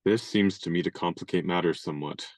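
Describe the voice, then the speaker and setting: Voiced by a man, this courteous young gentleman carries a gentle wryness and the gallantry of a radio-play character. The voice is natural, described as both mid-range and deep, and his turns come out measured and polite.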